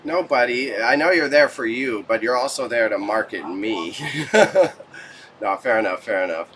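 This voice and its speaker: A Toronto livestream host speaks at normal speed in a voice on the low side, pushed and bright, with slight background noise. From a small warehouse crammed with goods, the Canadian chats casually with viewers using slangy, joking banter.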